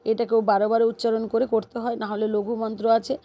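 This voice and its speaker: A woman speaking in a calm, unhurried way, with hesitations. Her voice is mellow and soft-edged, and she keeps it level without much rise and fall. She is walking listeners through a home devotional ritual. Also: on the high side. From West Bengal, India. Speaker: devotional vlogger. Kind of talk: explaining a home worship ritual.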